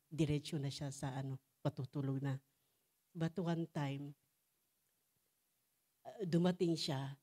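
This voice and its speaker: A middle-aged woman delivers a sermon, moving between English and Tagalog and checking in with "Amen?". Her voice sits low and warm. She speaks slowly, with many pauses and fillers. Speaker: church speaker. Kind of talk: sermon testimony.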